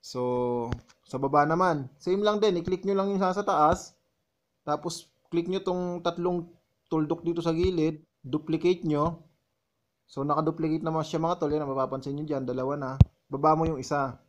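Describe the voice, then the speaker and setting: Speaking at a moderate pace with fairly even intonation, a man with a fairly high voice casually narrates how he edits his vlog, step by step. He often addresses viewers as "mga tol," and slight background noise is audible.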